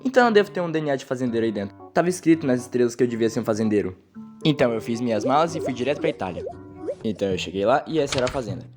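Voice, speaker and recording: A young man with a Brazilian Portuguese accent, dubbing an animated storytime as its first-person narrator, telling it in a quick, animated way. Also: medium pitch. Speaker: fan dubber narrating a storytime. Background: faint background music.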